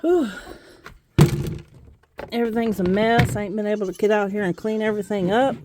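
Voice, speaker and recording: A woman's voice: mid-range voice, normal speed, heavy background noise. A woman talking to her viewers and animals while doing outdoor farm chores on a handheld phone, with sing-song calls to her animals and a bit out of breath. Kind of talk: casual vlog narration while feeding animals. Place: outdoors on a small farm with goats, pigs and chickens.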